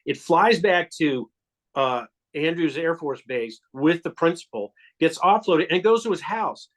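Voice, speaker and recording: A man speaks as an interview guest with a voice pitched a bit above most men's. He builds his account step by step, emphatic and insistent. He often restarts mid-sentence as he goes. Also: lively intonation, measured pace. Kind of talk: explanatory storytelling in an interview.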